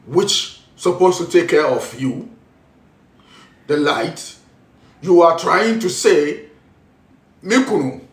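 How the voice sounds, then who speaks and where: A man with a Ghanaian accent giving a spiritual teaching talk, preaching in a repetitive way as he switches between Twi and English. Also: fairly high pitch. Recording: roomy echo, voice from a distance.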